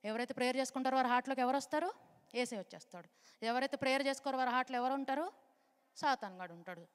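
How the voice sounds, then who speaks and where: A woman leads a children's Bible class, talking fast and urging the kids on in a lively, coaxing way. Her voice sits a little high. It rings with the long echo of a hall. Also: clean tone. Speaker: Sunday school teacher.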